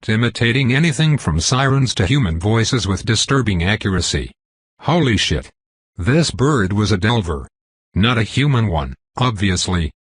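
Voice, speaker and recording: A man's voice: lowish voice, a bit bright, husky, dry recording. A man narrating a comedic fantasy audiobook in the first person, wry and profane.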